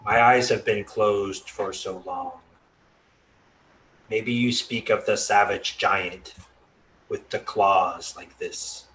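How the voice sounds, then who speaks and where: Man voicing a slow, creaky ancient tree spirit. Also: fairly even intonation, fairly bright tone, slight background noise, poor audio. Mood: slow, ponderous. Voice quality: creaky, deep, very old voice. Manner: very slow, drowsy, weary speech. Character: ancient sleepy male elm tree spirit, slow and drowsy. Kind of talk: tabletop game role-play.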